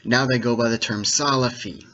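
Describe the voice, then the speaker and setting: A man giving an informal, didactic monologue to viewers, speaking in deliberate, halting phrases with emphatic stresses and checking that listeners follow. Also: mid-range voice, steady tone, pushed and bright. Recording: dull, lo-fi sound.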